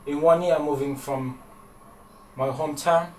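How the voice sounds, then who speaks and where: A young man from Afghanistan giving interview answers in a halting, hesitant way, pausing on fillers. He is picked up from across a small room, so the sound is roomy and distant, with a faint hiss underneath. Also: a little high, fairly even intonation. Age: young adult. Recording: echoey room, from far off.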